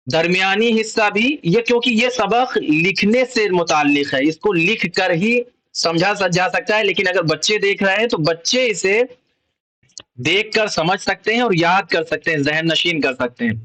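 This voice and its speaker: A man's voice: sits high, expressive, pushed and bright, poor audio. A man with an Urdu accent teaching children the Arabic letters, explaining patiently and repeating each letter and its sound. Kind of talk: slow explanatory lesson.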